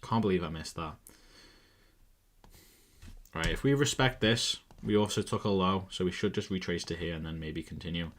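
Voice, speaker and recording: A young man with a somewhat low voice talks through a live stream in loose, casual commentary. He thinks aloud as he goes, sounds exasperated and swears freely. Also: normal speed, long pauses, a little hiss or hum. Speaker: live-streaming forex trader.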